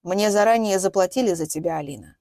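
A woman voicing a calm, quiet retired male hitman who speaks in a low, measured way. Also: vocal fry, no room sound, clean studio sound, close to an everyday voice.

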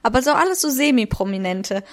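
A woman's voice: a little high, lively intonation, quick pace. A woman co-hosting a casual podcast chat, gossipy and chatty, stumbling over her words now and then. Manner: chatty, gossipy, hesitant restarts. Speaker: podcast co-host.

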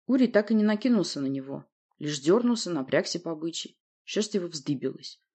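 Audiobook reader, woman, husky darkish voice, steady narration. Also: fairly low pitch, a little fast. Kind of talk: scripted first-person narration.

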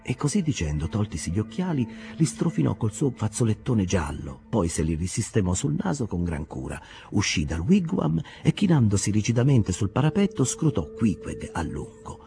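A man reading a classic novel aloud with an expressive, dramatic delivery. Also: lowish voice, normal speed, gravelly, few pauses, faint music behind. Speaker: audiobook reader. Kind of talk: audiobook narration.

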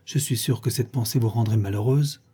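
Brief: a man doing a flighty, effusive young lady in a storybook, raised pitch, dark husky tone. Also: fairly quick. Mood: gushing. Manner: effusive, exaggerated, gossipy. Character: gushing, flattering young woman friend. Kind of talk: audiobook reading.

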